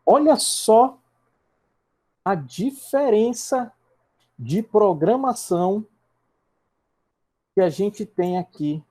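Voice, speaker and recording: The speaker is a Brazilian man giving a live online coding lesson in a slightly high, slightly mellow voice. He takes his students through the material step by step and often checks that they're with him. Typing as he goes, he repeats words and restarts them.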